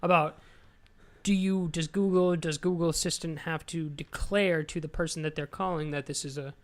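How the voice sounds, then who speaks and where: A man's voice: a little high, fairly even intonation, normal speed. Rambling, earnest young man. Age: young adult. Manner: rambling, earnest, restarts his thoughts often. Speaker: podcast co-host. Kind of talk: casual chat.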